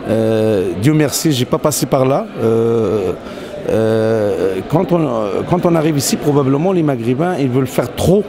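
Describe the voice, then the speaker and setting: A man's voice: medium pitch, lively intonation, a little slow. Moroccan man, hesitant, crowd noise behind. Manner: hesitant, many fillers and restarts. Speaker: interviewee, company CEO. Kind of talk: casual interview conversation. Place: outdoors in a city.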